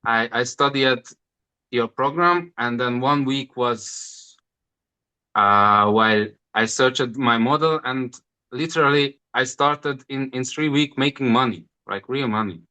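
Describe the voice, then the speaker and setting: Bright-voiced man in his thirties. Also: medium pitch, smooth. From Hungary. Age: 30s. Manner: halting non-native English, repeats words. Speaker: interview guest. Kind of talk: casual interview answers.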